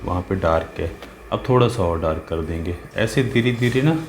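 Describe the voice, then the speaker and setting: A man's voice: deep voice, moderate pace, slight background noise. A man giving a casual, patient step-by-step drawing lesson as an art teacher, often checking in with the viewer as he works. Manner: patient, talks while working, asks "है ना?" and "ठीक है?" often. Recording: roomy with faint ambience.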